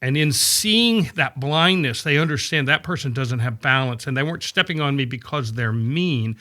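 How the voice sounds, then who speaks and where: A man explaining scripture in a casual podcast chat, animated and storytelling, often checking in with "right?". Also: mid-range voice, moderate pace. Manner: animated storytelling, acts out quoted voices, frequent "right?" checks. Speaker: podcast guest discussing scripture. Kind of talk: casual conversational Bible teaching.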